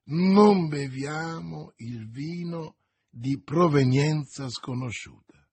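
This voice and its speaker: A grave, cautious musketeer, voiced by a man reading aloud, slow and stern. The voice is quiet and husky, with measured phrasing. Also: on the high side, exaggerated voice.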